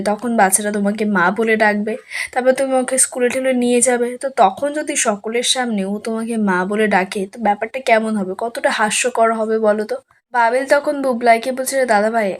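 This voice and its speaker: A woman with a slightly high voice recaps a TV serial episode. She narrates the plot and reads each character's dialogue in her own everyday voice.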